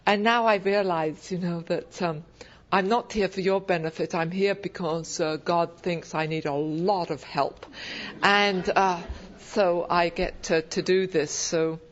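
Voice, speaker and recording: An English-accented woman giving a humorous personal talk to an audience at a convention, wry, hesitant and self-deprecating. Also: on the low side. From England. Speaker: guest convention speaker. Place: convention meeting room, speaking to an audience. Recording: dull, lo-fi live event recording.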